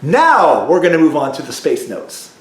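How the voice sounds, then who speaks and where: Music teacher guy drilling kids on notes, kinda high voice, echoey room. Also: huge pitch swings. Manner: call-and-response drilling, slow repeated prompts. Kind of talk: recorded music lesson for children.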